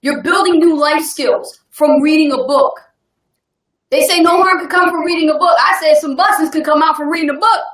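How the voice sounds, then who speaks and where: Upbeat lady cohost on a webinar, high voice, laughs a lot, pushy motivational talk. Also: normal speed, a bit bright, reverberant. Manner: upbeat, emphatic, laughs often. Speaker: co-host of online business webinar.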